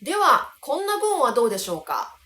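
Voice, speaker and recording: Japanese teacher lady from kansai, really lively up and down voice, slows on the important words, kinda echoey room. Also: sits high, slight background noise. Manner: slows and stresses key words while explaining. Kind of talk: explanatory online language lesson. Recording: roomy echo.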